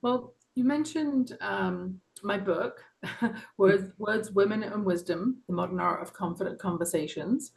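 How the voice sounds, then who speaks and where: A middle-aged Englishwoman with a London accent, an author appearing as a guest, tells her story in a reflective personal interview. Her mid-range, gravelly voice moves at an unhurried pace. She speaks earnestly and passionately, with soft laughs and plenty of ums.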